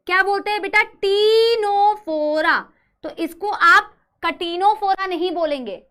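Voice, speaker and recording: A woman teaching biology in an online class, drilling each term slowly and asking students to repeat after her. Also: extremely high pitch, bright, forceful tone. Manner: slow drilled pronunciation, asks students to repeat.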